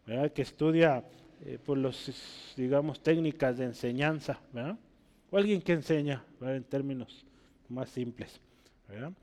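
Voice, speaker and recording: A man preaching a Bible teaching sermon, swinging from emphatic peaks to quiet asides and often checking in with his listeners. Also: mid-range voice, moderate pace, in a large hall. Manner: rises to emphatic peaks, then drops to quiet asides; asks ¿verdad? often.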